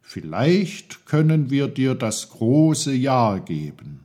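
Kindly teasing storybook mentor, slow and mellow, read by a man. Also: medium pitch, very animated. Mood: patient. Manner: patient, explaining, teasing. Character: kindly playful wise male guide.

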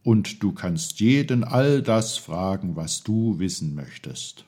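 A man's voice: sits low, very animated, slow, a little mellow, husky, exaggerated voice. A man voicing a kindly, playful guide who patiently explains things to a boy in a storybook reading.

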